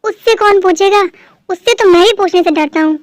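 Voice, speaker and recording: A high-voiced performer voicing an earnest, gentle young man who is a husband and brother, in a fan dub drama, speaking softly and coaxingly. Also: moderate pace, no echo, clean studio sound. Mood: pleading.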